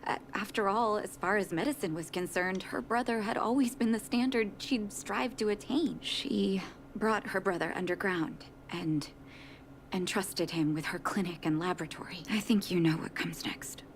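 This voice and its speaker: A woman voicing a doctor in a video game, telling a story in calm, measured dialogue. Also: mid-range voice, slight background noise, lightly acted.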